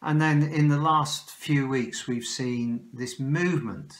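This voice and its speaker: Older male preacher, Welsh English accent, slow and sincere, self-correcting; home-recorded sermon, close phone mic. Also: medium pitch, steady tone. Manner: slow, earnest, with frequent restarts. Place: small room at home, indoors. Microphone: phone or webcam close in front.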